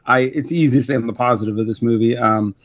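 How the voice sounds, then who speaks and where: A man co-hosting a podcast, chatting casually about a movie in a rambling way, full of fillers and quick laughs. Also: medium pitch, fairly even intonation, no echo, highs cut off. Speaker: podcast co-host. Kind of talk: casual movie review chat.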